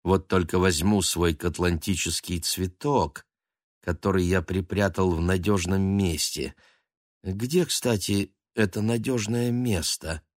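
A man's voice: sits low, steady tone, unhurried, dry recording, studio quality. A man voicing a heroic ginger male cat in a storybook who muses aloud and laments theatrically. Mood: musing. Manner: musing, then theatrical laments.

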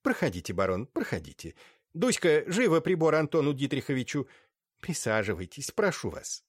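A fussy, bossy aunt of a certain age presides over the table, her voice pitched high and bright as she fusses over her guests, played by a man reading the tale. The delivery is lively and the recording is dry and close. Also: moderate pace, no echo. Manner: fussy, bossy toward servants. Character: aging female aunt, fussy hostess.

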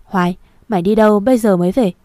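A woman voicing a harsh, angry father who shouts and threatens his daughter in a storybook reading. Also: medium pitch, fast, dry recording, studio quality, natural voice. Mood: furious. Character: harsh angry village father, middle-aged man.

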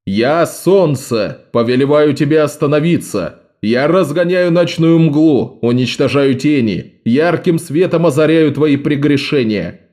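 A man voicing a domineering male priest in a sun mask who proclaims slowly and raises his pitch to command. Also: lively intonation, a little mellow.

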